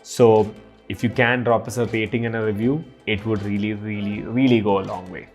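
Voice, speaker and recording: A man's voice: lowish voice, fairly even intonation, normal speed, faint music behind. A man hosting a podcast in an easygoing, casual way, wrapping up the episode. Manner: easygoing, laughs often, calls people dude. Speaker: podcast host. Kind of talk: casual podcast chat and outro.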